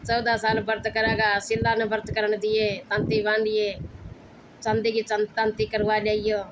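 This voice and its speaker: A woman's voice: medium pitch, monotone, unhurried, lightly acted, poor audio. A woman voicing a kindly male deity who explains a vow, speaking with a Haryanvi accent in a plain, instructing tone. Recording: clicking background noise.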